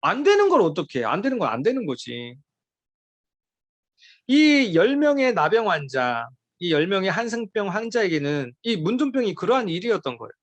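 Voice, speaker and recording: Animated preacher giving an emphatic sermon. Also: mid-range voice, moderate pace, no echo. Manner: emphatic, pleading, rhetorical questions. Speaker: youth group preacher.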